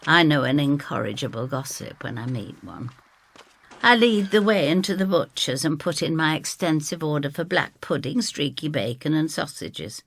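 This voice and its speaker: In an audio drama, an actress voices an older Northern English woman who is stubborn, loyal and chatty as she tells her story. Her voice sits low with vocal fry at a normal speed, recorded dry. She comes across wry and confiding, gossipy and blunt in her Northern phrasing.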